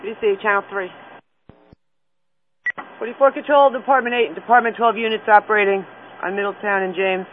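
Male dispatcher, high voice, clipped procedural fire calls, repeated announcements, static-laden narrowband radio. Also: fairly even intonation, fairly quick, long pauses. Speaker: emergency dispatcher.

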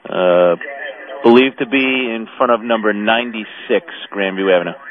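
Over a hissy, tinny, narrow two-way radio channel, a fire dispatcher with a lowish voice sends out units at normal speed. His manner is formal and procedural, and he repeats messages back.

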